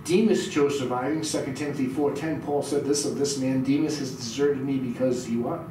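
A man's voice: mid-range voice, fairly even intonation, fairly quick, recorded from a distance. Middle-aged man preaching in an echoey room. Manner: reads scripture aloud and quizzes the audience. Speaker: pastor. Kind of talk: sermon. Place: small church room indoors. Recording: very echoey room, heard from afar, noisy.

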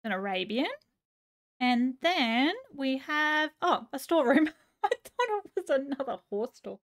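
A woman live streamer chatting casually and gushing as she reads chat aloud. Her voice is going a little hoarse. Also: high voice, big pitch swings, a little slow.

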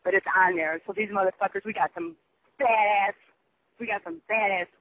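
A person with a mid-range, steady voice speaks at a moderate pace while leaving a frantic, wandering voicemail. They repeat themselves, sound emphatic, and swear readily, all recorded by telephone with a muffled, dull quality.

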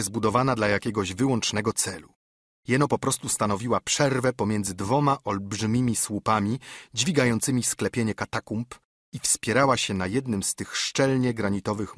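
Male audiobook narrator, husky and low, dry close recording. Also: dry recording. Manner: steady storytelling, lifting pitch for quoted dialogue. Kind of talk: scripted narration.

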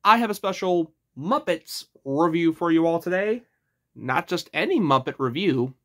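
A man's voice: a little high, expressive, moderate pace, fairly bright tone. A man casually reviewing a DVD for his channel, chatty and eager as he points out what he is showing.

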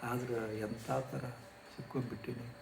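A man voicing a weary, lonely older rich man who speaks in a soft, subdued, complaining voice. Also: mid-range voice, level tone, a little slow, gravelly, roomy sound, noisy background.

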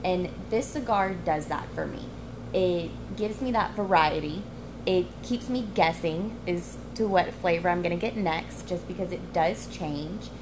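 A woman's voice: fairly low pitch, unhurried, background noise. A young woman chatting casually about a cigar's flavors in a lounge, thoughtful and descriptive. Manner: thoughtful, descriptive, a few restarts. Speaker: cigar reviewer. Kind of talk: casual cigar review chat. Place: cigar lounge, indoors, leather chairs.

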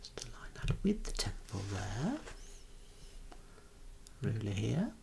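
A man whispering softly through a clinical ASMR role-play, giving slow, careful instructions and gentle praise as he demonstrates eye and head measurements. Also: fairly low pitch, huge pitch swings, gravelly, background noise.

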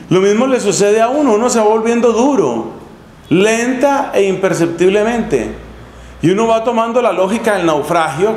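Middle-aged friar, high voice, sermon in an echoey room with faint hum. Lively storyteller. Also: male voice. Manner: lively storytelling, acts out scenes with humor. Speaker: friar preacher. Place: chapel in a monastery.

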